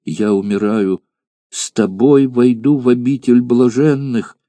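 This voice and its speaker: A man's voice: steady tone, measured pace, mellow, no echo, natural voice. A man voicing a devoted young woman in love, pleading in a raised, emotional voice. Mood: despairing. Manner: pleading and breathless, emotional high pitch.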